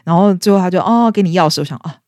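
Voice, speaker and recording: A woman's voice: fairly low pitch, very fast, darkish tone, no room sound, clean studio sound. A young woman in her twenties, a podcast co-host, telling a story casually and acting out quoted lines in raised voices.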